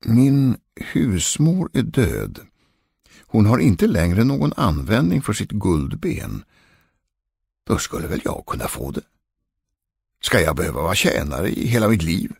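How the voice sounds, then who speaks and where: A man's voice: fairly low pitch, big pitch swings, vocal fry, a little mellow, breathy edge, dry recording, studio quality, heavily acted. A man voicing a vain, cowardly young servant in a spoken ghost story. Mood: preening. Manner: preening, then trembling.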